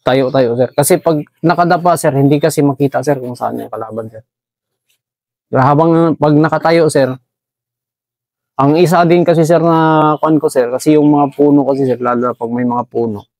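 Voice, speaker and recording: Deferential soldier man, fairly high voice. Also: darkish tone, no room sound. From Basilan, Philippines. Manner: deferential, says "sir" after nearly every phrase, halting. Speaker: army staff sergeant. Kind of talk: interview answers.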